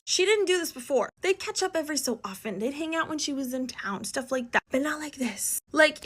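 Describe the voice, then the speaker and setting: Bright high-voiced woman telling a story. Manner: emphatic, dramatic, keeps asking "okay?". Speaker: vlogger. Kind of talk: casual storytime.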